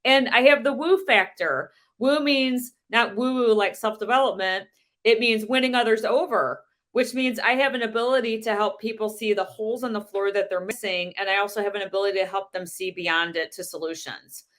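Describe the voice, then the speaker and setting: Woman, sales coach, measured motivational talk full of rhetorical questions. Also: medium pitch, fairly bright tone. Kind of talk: motivational presentation.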